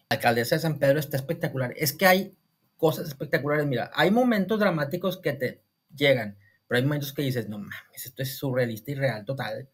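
A man from Monterrey with a northern Mexican accent, talking through a series review in a casual, rambling way, full of restarts and "o sea". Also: fairly high pitch.

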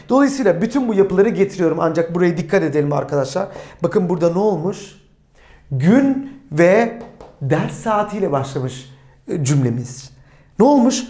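An online language teacher with a lively, rising-and-falling delivery. They keep asking the viewers questions and answering them, and they slow down for clear model sentences. The voice rings with the echo of a bare room. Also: mid-range voice. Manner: asks the viewers rhetorical questions and answers them, calling them friends; says German example sentences slowly and clearly.

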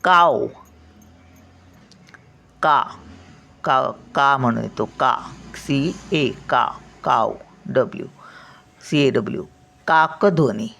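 A woman's voice: rumbling low, drawn-out words, vocal fry, long pauses, fairly bright tone. An older woman teaching a spelling lesson, sounding words out syllable by syllable and explaining patiently as she checks that the listener follows.

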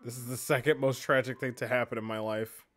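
A man hosting a let's play, reacting loudly, laughing and swearing as he comments on the game. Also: medium pitch, fairly even intonation, fast talker, soft background music.

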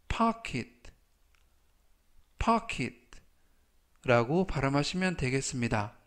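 A man teaching English vocabulary in a scripted lesson, reading each word three times with polite, formal explanations. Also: on the high side.

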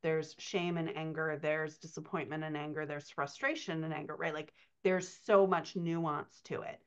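A middle-aged woman, a writing coach answering questions on a conversational podcast, explains things over a video call and stresses key words. Her deep voice is clear and resonant, with fairly even intonation and a normal pace. The video-call audio comes through dull and muffled.

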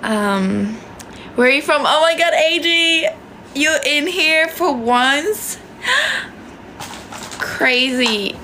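A woman's voice: sits high, very animated, drawn-out words, pauses often, sharp tone, slight background noise, low-quality recording. A young woman from Sweden with a Swedish accent, chatting casually on a phone livestream in a small bedroom, answering viewer comments and swearing freely. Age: young adult. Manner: chatty, swears casually, switches between languages. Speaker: livestream host. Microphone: phone held close.

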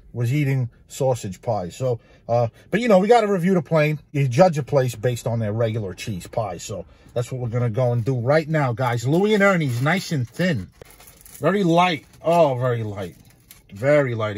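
A man's voice: mid-range voice, darkish tone, slightly rough. A man hosting a casual food review vlog, talking about pizza with enthusiasm and repeating his phrases for emphasis.

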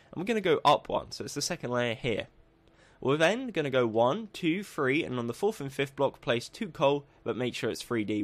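A croaky-voiced man with a mid-range tone provides upbeat, lively voice-over for a building tutorial set to game footage, taking it slower as he enumerates the steps.

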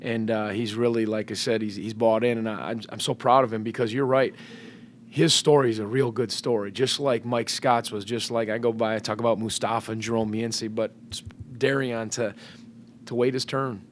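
A man's voice: on the low side, fairly even intonation, moderate pace, a little hiss or hum. A middle-aged man, a head basketball coach, answering questions at a post-game press conference, speaking thoughtfully with many fillers and restarts into a table microphone. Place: press room in front of a sponsor backdrop.

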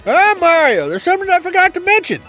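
A man's voice: very high-pitched, huge pitch swings, fast, pushed and bright, faint music behind, pitched above the performer's own voice, exaggerated voice. A man putting on a shaky old Goomba professor. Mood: doddering. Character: shriveled old male Goomba professor, fussy.

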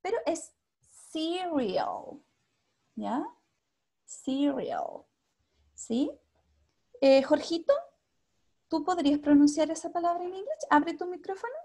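Her voice extremely high and warm, with lively intonation, a moderate pace and frequent pauses, a woman teaches an English class by video call. She has a Chilean Spanish accent, blends English into her Spanish, and patiently checks in with the students constantly.

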